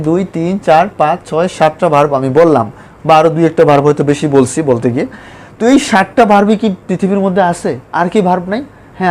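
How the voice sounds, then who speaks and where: A man teaches spoken English in an online lesson. He talks emphatically and repeats points, then slows right down to spell out English examples. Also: high-pitched, a little mellow.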